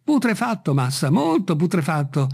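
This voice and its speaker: A man doing a fearful old servant, high-pitched. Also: sing-song, normal speed, creaky, a little mellow, heavily acted. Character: old male servant, simple and fearful, climbing a tree. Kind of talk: audiobook reading.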